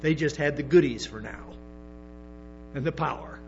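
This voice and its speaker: This is a male pastor with a gravelly, darkish voice on the high side, moving at a moderate pace. He restarts often and adds emphatic asides while preaching to the congregation, and the dull lo-fi sermon recording carries music and hum.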